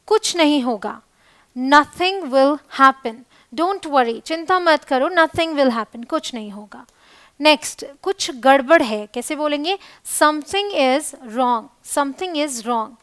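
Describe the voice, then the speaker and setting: A woman teaching spoken English phrases, giving each one in Hindi and then saying the English slowly, often twice. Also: sits high, fairly bright tone, no echo.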